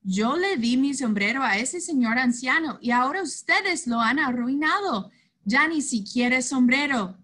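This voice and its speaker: A woman voicing a kindly, fretful old uncle in a children's story, speaking slowly and softly. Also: on the high side, lively intonation. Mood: angry.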